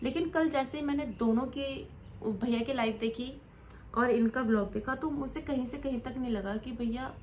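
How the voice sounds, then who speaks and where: Young woman vlogger, high voice, rambling and reproachful commentary. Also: noisy background. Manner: earnest, scolding, rambling. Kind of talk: direct-to-camera commentary vlog.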